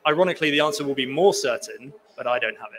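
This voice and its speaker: Speaking quickly with a medium-pitched, slightly bright voice, a young man who studies sea ice presents at a conference and then takes questions. He stumbles into frequent restarts and fillers along the way. The podium microphone captures him inside a conference pavilion hall.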